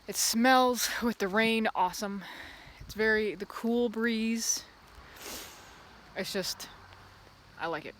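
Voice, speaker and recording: A woman chatting casually to camera in a rambling, easily distracted way, outdoors beside a loud street. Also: fairly high pitch, slow pace, pauses often. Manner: easily distracted, drifting between asides. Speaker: vlogger. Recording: outdoor traffic and ambient noise. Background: passing vehicles and outdoor ambience.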